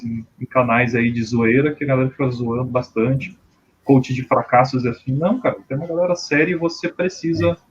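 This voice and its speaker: Husky-voiced Brazilian man, lo-fi sound. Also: medium pitch. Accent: Brazilian Portuguese. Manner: relaxed, filler-heavy, says "cara" often. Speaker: guest. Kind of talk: casual podcast chat.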